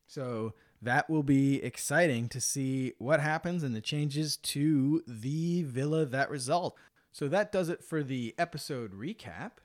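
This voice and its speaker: A man's voice: medium pitch, measured pace. A man hosting a podcast in a casual, chatty style. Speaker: podcast host.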